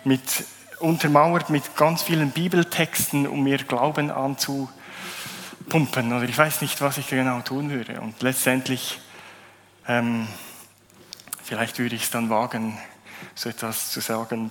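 A man's voice: mid-range voice, flat delivery, measured pace, a bit bright. A man in a medium register delivers a sermon, reading scripture aloud and then talking it through in an easy, conversational way. He stumbles and restarts now and then. His voice carries a long reverb from the hall he is in. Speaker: preacher.

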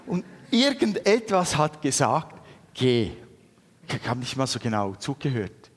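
A middle-aged man with a Swiss German accent, telling a personal story in a sermon with lively, animated delivery. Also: medium pitch, a little slow, breathy edge. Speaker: preacher. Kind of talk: anecdotal sermon. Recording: long reverb in a hall.

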